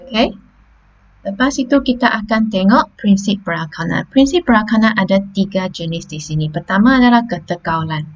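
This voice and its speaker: A woman's voice: medium pitch, animated, moderate pace, lo-fi sound. A Malaysian woman teacher taking students through a lesson step by step, often checking in with "okey" and "ha?". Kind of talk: classroom lesson on slides.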